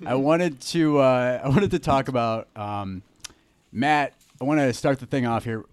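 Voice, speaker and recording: A man's voice: medium pitch, measured pace, clean tone, dry recording. Casual male podcast host, dry sound. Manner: laughs often, swears casually.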